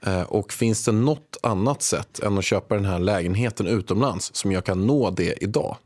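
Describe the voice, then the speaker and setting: Low-voiced man hosting a casual chat. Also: darkish tone, dry recording. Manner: conversational, thinking aloud. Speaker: podcast host.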